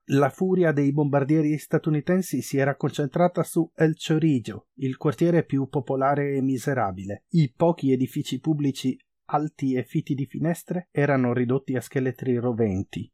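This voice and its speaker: A man's voice: mid-range voice, normal speed, hardly any pauses, darkish tone, no echo. A man reading a novel aloud expressively, then commenting on it. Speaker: reader.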